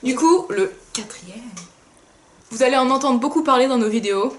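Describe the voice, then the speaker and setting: Tired, bubbly young woman, rather high. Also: moderate pace, slight background noise. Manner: bubbly, laughing, self-mocking. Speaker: book channel co-host. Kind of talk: casual chat.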